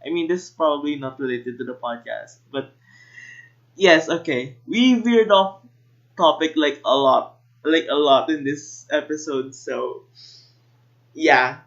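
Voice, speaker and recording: A man's voice: a little high, measured pace, a bit bright, dull audio. A young man hosting a casual podcast, rambling with lots of fillers and restarts. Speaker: podcast host. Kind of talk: casual podcast chat with narrated links.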